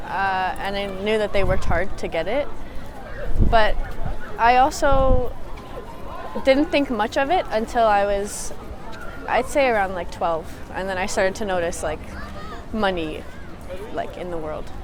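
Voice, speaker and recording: A woman's voice: medium pitch, measured pace, long pauses, background noise. An eighteen-year-old woman speaking casually in a documentary interview outdoors, hedging with fillers. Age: late teens.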